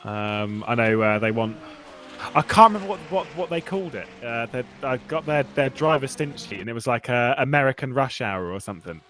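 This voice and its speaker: A man's voice: medium pitch, fairly quick. Chatty man commenting on a race. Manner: chatty, laughing, many restarts. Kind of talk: casual commentary chat. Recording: steady background noise.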